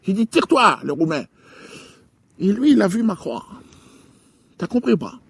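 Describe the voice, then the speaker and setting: A man doing stand-up comedy into a handheld stage mic, telling a story with stammering restarts and sudden swings between loud and low. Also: expressive, normal speed, vocal fry, breathy edge, no echo.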